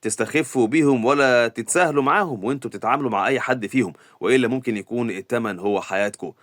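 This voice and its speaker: A man voicing a calm, polite male envoy of a villain who gives measured warnings in Egyptian Arabic. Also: medium pitch, dry recording, studio quality, close to an everyday voice.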